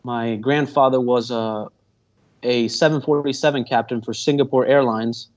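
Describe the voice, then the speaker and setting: Here the Venezuelan guest pilot, a Spanish-speaking guy in his 20s, gives earnest, rambling interview answers full of fillers and restarts. He has a mid-range, darkish voice with fairly even intonation and a moderate pace. Everything sounds muffled and lo-fi, with dull audio throughout.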